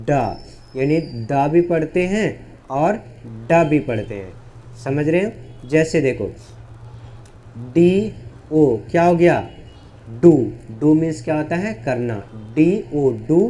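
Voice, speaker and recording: Man teaching phonics, warm low voice. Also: a little hiss or hum. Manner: asks questions and answers them himself; spells out letters slowly. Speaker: English teacher. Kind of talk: whiteboard phonics lesson.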